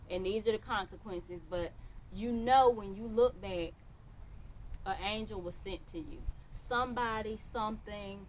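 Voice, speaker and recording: A woman's voice: medium pitch, slight background noise, low-quality recording. A woman giving a motivational monologue to camera, emphatic and repeating phrases for stress. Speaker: motivational speaker.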